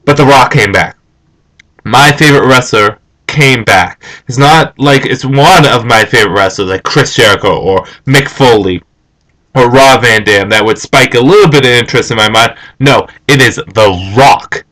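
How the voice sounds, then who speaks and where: Animated young man ranting about wrestling. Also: mid-range voice, moderate pace, poor audio. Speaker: vlogger. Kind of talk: casual opinion rant.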